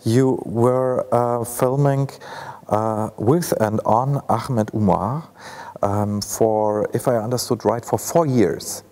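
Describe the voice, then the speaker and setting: Inside an ornate hall, a German-accented festival host in his forties poses reflective questions about film, hesitating often with fillers. He speaks slowly in a medium-pitched voice with a dark tone.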